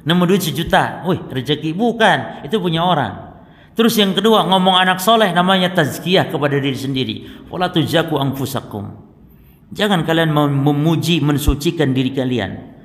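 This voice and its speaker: A man's voice: a little high, expressive, normal speed. Man teaching a religious lesson in a reverberant hall. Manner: recites Arabic then explains it, addressing the congregation. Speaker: Islamic teacher.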